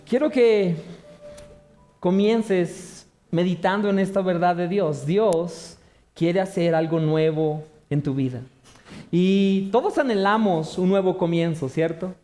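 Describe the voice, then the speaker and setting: High-voiced man preaching a sermon. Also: slow, faint music behind. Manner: storytelling with animated quoted voices; soft prayer. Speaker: pastor.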